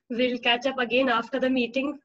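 High-pitched Indian woman on a muffled call. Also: flat delivery, moderate pace, a bit bright. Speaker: meeting host. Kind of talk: casual meeting moderation. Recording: muffled video call audio.

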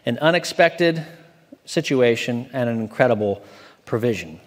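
Man, 40s, associate pastor, measured scripture reading and sermon, church hall reverb. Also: mid-range voice, expressive. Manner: measured, reads aloud slowly from an open Bible. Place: church stage, large indoor hall.

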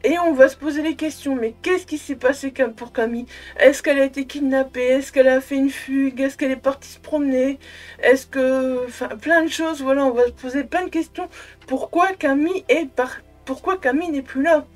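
A young woman giving a casual, effusive book review to camera at home, in a halting way that often repeats words. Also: sits high, soft background music. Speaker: book vlogger. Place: small room at home with bookshelves.

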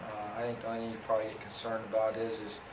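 A man's voice: on the low side, monotone, racing. A man in his thirties, a head football coach, answering questions after a game at a press conference, speaking plainly and steadily with many fillers and restarts. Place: press room in front of a sponsor backdrop. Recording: echoey room audio from a far camera, noisy.

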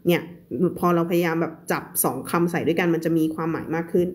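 A woman's voice: lowish voice, flat delivery, fast talker, darkish tone. A woman English teacher giving a live reading lesson, explaining words one by one and repeating them to drill stress and sounds.

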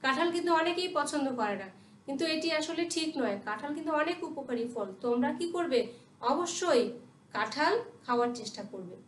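A woman's voice: high-pitched, lively intonation, fairly quick, a bit bright, a little hiss or hum. A woman teaching a primary class, spelling English words letter by letter and asking her pupils questions she answers herself. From Bangladesh. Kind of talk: recorded classroom lesson. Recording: echoey room, voice from a distance.

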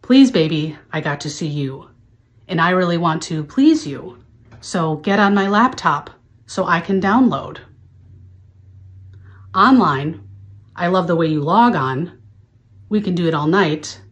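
Woman in her 30s doing a hammy stage actor reading, lowish voice, really slow, super mock-serious. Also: expressive. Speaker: host. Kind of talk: dramatic reading of song lyrics. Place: small furnished room indoors. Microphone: handheld microphone close to mouth.

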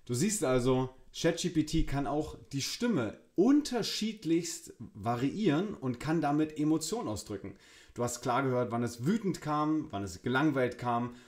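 Lively German man hosting a tech demo. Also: medium pitch, moderate pace. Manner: enthusiastic, gives spoken commands. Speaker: host.

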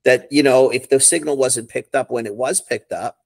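A middle-aged man co-hosts a casual chat over a video call from his living room, sitting on a sofa. His mid-range voice is gravelly and moves at a moderate pace, and he rambles with enthusiasm. The recording has no room sound.

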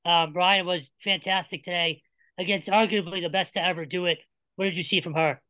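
Male reporter, bright forward tone, dry close audio; friendly, hesitant questions. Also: sits high, fairly even intonation, fairly quick, dry recording, low-quality recording. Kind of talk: press conference questions.

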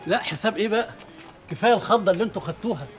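A warm-hearted Egyptian shopkeeper in a TV drama, his voice high for a man and his speech rapid. He talks in a generous, insistent way, with faint music behind. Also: animated. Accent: Egyptian Arabic. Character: kindly generous middle-aged shopkeeper. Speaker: shop owner. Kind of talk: TV drama acting.

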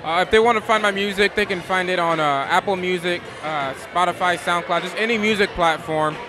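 A man's voice: high voice, a little fast. Laid-back young musician man. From Congo, raised in Texas. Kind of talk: red carpet interview. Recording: crowd noise behind.

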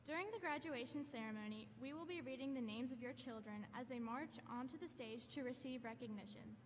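Student speaker, woman, careful formal reading at a podium; high-ish voice, long gym echo. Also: brisk, slight background noise. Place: large school gymnasium. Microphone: podium microphone through hall speakers. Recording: echoey gym from far off.

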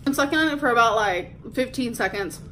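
Chatty woman vlogger, fairly high voice. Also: lively intonation, fairly quick, pushed and bright, echoey room, slight background noise, rough recording. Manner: chatty, filler-heavy, confessional. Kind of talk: casual vlog chat.

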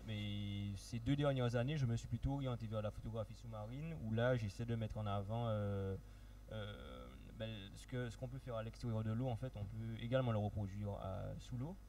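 A man's voice: lowish voice, moderate pace, mellow. A young man introducing himself informally on a panel, hesitant and searching for words, on a handheld microphone. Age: young adult. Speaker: photographer guest. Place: dark event stage. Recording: faint hum and noise.

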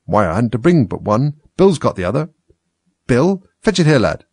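A man voicing squabbling rustic animal workmen who bark brisk instructions in a storybook. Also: mid-range voice, big pitch swings, a little mellow, no room sound, pitched above the performer's own voice. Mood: bustling, bossy. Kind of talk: storybook character voice.

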